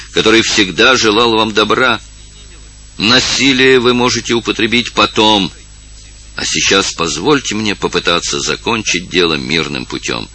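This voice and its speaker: A man's voice: fairly low pitch, bright, forceful tone. A man reading aloud and voicing a pale old male village elder who pleads and commands with a raised voice.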